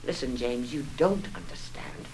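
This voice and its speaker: A woman's voice: on the low side, lively intonation, moderate pace, a bit bright, slight background noise, poor audio. An anxious, rambling mother. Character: nervous, fragile middle-aged mother. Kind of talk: 1960s film acting.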